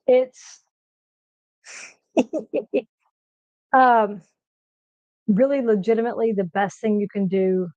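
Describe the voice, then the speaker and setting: A middle-aged American woman chatting casually on a home cooking stream. She talks quickly when excited and pauses to search for words. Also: mid-range voice, no echo, low-quality recording. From United States. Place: home kitchen.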